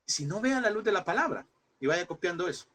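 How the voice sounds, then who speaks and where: A man's voice: high-pitched, lively intonation, a little fast, fairly bright tone. A man teaching a Bible class in a preaching style, emphatic and repeating phrases, often calling listeners brother.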